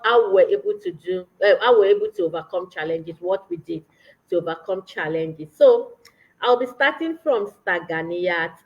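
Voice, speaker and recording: A woman's voice: mid-range voice, muffled recording. A woman from Nigeria, hosting a live online show in an upbeat, welcoming way. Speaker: host.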